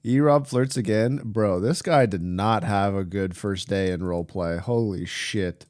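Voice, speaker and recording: A young man streaming, reacting to clips in casual chat, excitable and swearing, shouting in disbelief at big plays. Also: lowish voice, unhurried.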